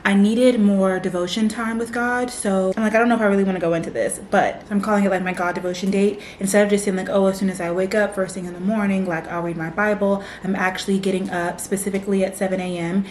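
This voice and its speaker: A woman's voice: mid-range voice, little pitch movement, fast, few pauses, darkish tone, roomy sound, a little hiss or hum. A young woman in her twenties chatting casually to camera for her vlog, leaning on lots of "like" fillers. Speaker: vlogger. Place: home.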